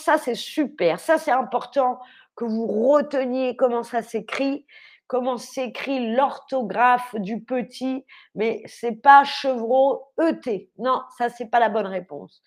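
A young woman teaching French on a livestream, speaking slowly and clearly, spelling words out letter by letter and cheering on viewers. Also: a little high. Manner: upbeat, encouraging, quizzes viewers. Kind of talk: live online vocabulary lesson.

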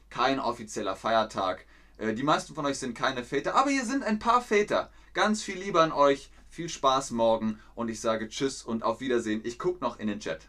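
A young man hosting a live lesson quiz, lively and encouraging, reading chat messages aloud and laughing often. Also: medium pitch. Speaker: German teacher hosting a live class.

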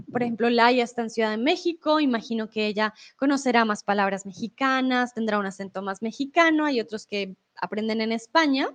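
A woman from Colombia with a Colombian accent, giving a casual live Spanish lesson and chatting with viewers. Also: a little high. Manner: chatty, explains with examples and asks "¿vale?". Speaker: Spanish teacher on a livestream.

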